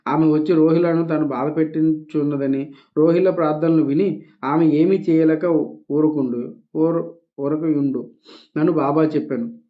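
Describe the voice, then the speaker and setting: A man reading a devotional text aloud and explaining it in casual speech, with small restarts and English words dropped in. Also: on the high side. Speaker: devotional reader. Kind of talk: scripture reading with spoken commentary. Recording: tinny phone-like recording.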